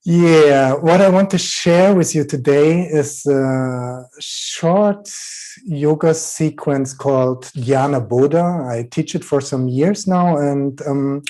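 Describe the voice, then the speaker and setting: A German man speaking English with a German accent, introducing a yoga sequence with many pauses and fillers. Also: fairly high pitch, mellow, low-quality recording. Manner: slow, halting, many fillers. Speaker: yoga teacher. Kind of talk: online yoga session introduction.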